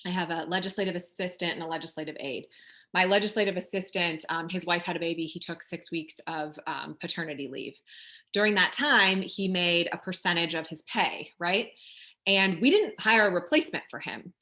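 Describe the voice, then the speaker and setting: A woman with a lowish voice presents at a conference over a video call. She talks conversationally, pausing with ums and restarting her sentences as she explains. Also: sharp tone. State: out of breath. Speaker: city council member presenting.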